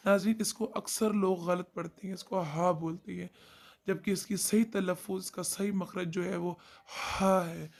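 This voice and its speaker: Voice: mid-range voice, steady tone, normal speed, gravelly. A Quran recitation teacher giving a tajweed lesson, explaining where each letter is sounded and drawing out demonstrations of the letters. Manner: addresses viewers directly and often.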